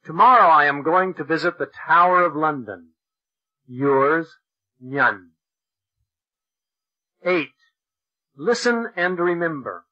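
A man narrating a school English textbook recording, reading each line slowly and with deliberate care for learners. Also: a little high, lively intonation, highs cut off. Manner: slow, deliberate, over-articulated delivery for learners. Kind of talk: slow, clear textbook reading.

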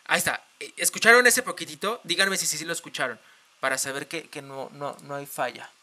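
A man's voice: fairly high pitch, brisk, sharp tone, slight background noise. A young man with a Mexican accent, chatting playfully on a live stream, dramatic and given to swearing. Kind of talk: casual live stream chat.

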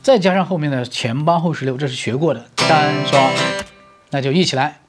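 A brisk man with a voice on the high side teaches electric guitar, going step by step with everyday comparisons. He keeps checking "right?" with the learner, and guitar playing sounds in the background.

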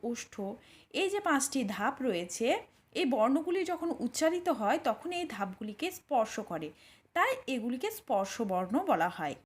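A woman teaching pronunciation, patiently explaining and slowly demonstrating each sound while speaking directly to the learner. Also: on the high side, big pitch swings, husky.

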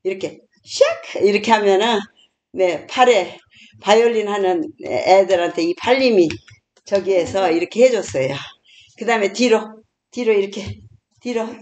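A woman's voice: mid-range voice, moderate pace, a little mellow. Older woman counting out home exercises. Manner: chatty, counts aloud in rhythm, talks to a small child. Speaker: grandmother leading home exercises. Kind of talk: casual spoken instruction with counting. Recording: echoey room with faint noise.

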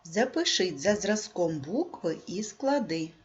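A woman teacher with a Ukrainian accent, dictating a calligraphy lesson for young pupils in a slow, careful way that stresses syllables. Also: on the low side, big pitch swings, muffled recording. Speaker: primary school teacher. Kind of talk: calligraphy lesson for second graders.

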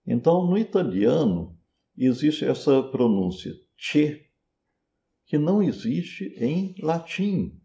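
A man's voice: fairly high pitch, big pitch swings, unhurried, dark tone, highs cut off. A man with a Brazilian Portuguese accent, teaching a pronunciation lesson patiently and repeating words to model them. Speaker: Sanskrit teacher. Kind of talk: slow explanatory lesson.

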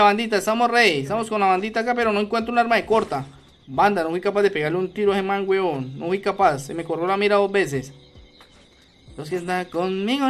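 Bright, high-voiced male game streamer. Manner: lively, greets viewers by name between plays. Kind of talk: casual gaming livestream commentary.

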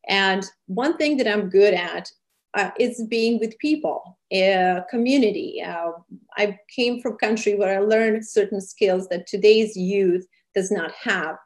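A middle-aged woman from Serbia, a charity founder, speaking earnestly with many fillers and slightly phrasing in an interview over a webcam call from a small room. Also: medium pitch. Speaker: charity founder and cooking show host. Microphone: webcam on a video call.

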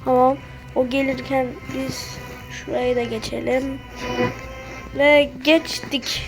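High-voiced woman narrating her phone game. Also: slow pace, music in the background. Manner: keeps saying "okay friends" while playing; bursts into excited shouts at discoveries. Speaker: gameplay commentator. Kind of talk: casual game commentary. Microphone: phone screen recorder.

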